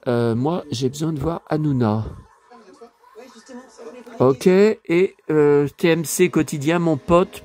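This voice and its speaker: A hoarse man in a casual vlog, talking to his viewers and muttering exclamations to himself as he browses through his purchases. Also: a little high, a little mellow. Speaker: vlogger showing his purchases.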